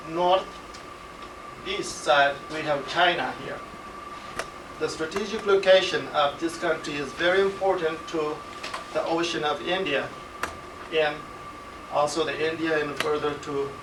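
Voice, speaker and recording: A man in his forties with an Afghan accent, a physician giving a formal lecture in a halting way, with many pauses and fillers. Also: fairly high pitch. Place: auditorium at a medical center. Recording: echoey hall recorded from far off, noisy.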